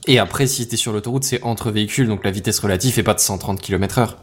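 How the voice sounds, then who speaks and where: A man in a casual tech podcast, talking fast and teasing his co-hosts in loose slang. His voice sits fairly low, with faint music behind. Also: husky. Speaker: podcast co-host.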